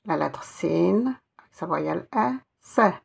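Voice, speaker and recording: A woman's voice: lowish voice, expressive, slow pace, gravelly, slightly rough. A woman teaching Arabic letters one by one, patiently spelling out each sound and repeating it. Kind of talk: step-by-step reading lesson.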